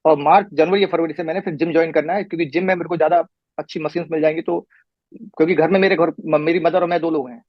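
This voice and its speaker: A middle-aged man in a patient's chair who talks quickly in a rather high voice and rambles through detail, restarting often. The recording is dull and lo-fi, with a dry, close sound. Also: steady tone, no echo. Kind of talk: casual conversation. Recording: muffled lo-fi recording.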